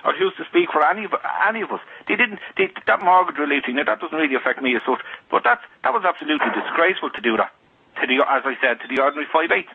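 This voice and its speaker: A man's voice: fairly high pitch, lively intonation, racing, breathy edge. A man with an Irish accent arguing emphatically on a radio phone-in, repeating phrases for stress. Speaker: phone-in caller. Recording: tinny phone line on radio.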